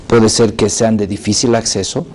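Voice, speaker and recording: A man's voice: lowish voice, level tone, normal speed, darkish tone. A man speaking as a talk show guest, explaining ideas patiently and checking in with the listener.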